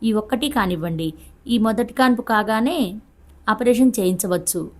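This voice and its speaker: A woman reading the lines of a calm, sympathetic female doctor in a gentle, measured voice, in a Telugu audiobook. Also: on the high side, close to an everyday voice. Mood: earnest.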